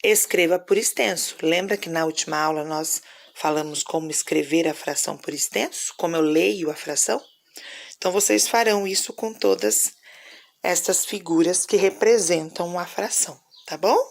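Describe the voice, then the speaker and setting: A Brazilian woman teacher explains schoolwork to young pupils, step by step. Her voice sits fairly low and carries a gravelly rasp. She keeps checking in with short tag questions as she goes. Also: moderate pace. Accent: Brazilian Portuguese. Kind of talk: explaining worksheet exercises to pupils.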